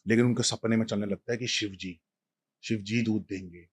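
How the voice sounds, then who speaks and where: Guy casually telling a devotional tale, lively, chatting right at you. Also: on the low side, normal speed, slightly rough. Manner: lively, talks straight to a listener. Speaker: storyteller.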